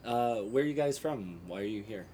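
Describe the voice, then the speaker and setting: A man's voice: lowish voice, lively intonation, brisk, warm tone, slight background noise. A man hosting a podcast, asking short questions in a laid-back, casual interview. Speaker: podcast host.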